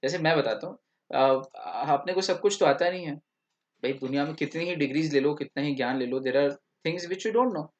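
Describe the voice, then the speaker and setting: A man's voice: on the high side, moderate pace, highs cut off. Man teaching English grammar. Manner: explanatory, switching between Hindi and English mid-sentence. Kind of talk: recorded lecture.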